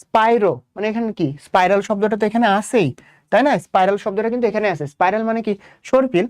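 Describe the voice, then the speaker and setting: A man's voice: sits high, fast, dry recording, studio quality. A young man from Bangladesh with a Bangladeshi Bengali accent, teaching a biology exam-prep lesson, repeating points and quizzing students with rhetorical questions. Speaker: biology tutor.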